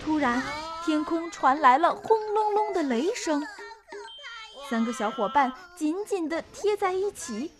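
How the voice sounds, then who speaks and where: A woman's voice: high-pitched, lively intonation, measured pace, over music. A woman giving scripted narration for a young children's story.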